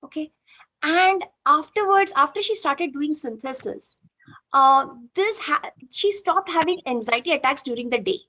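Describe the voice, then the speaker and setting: A woman with an Indian accent and a voice that sits high leads a group session over a video call, speaking at normal speed. As a spiritual session facilitator, she animatedly tells a participant's story, mixing English and Hindi with many "you know" fillers.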